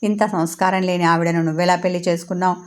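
Woman voicing a sarcastic, taunting young female rival in a storybook; low-set voice, narrow in pitch. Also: fairly even intonation, fast talker, lightly acted.

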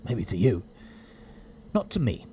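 An actor playing a quirky, defiant time-travelling hero in an audio drama, theatrical, moving between flustered mumbling and quiet threat. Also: male voice, mid-range voice, sing-song, measured pace, slight background noise. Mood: wry.

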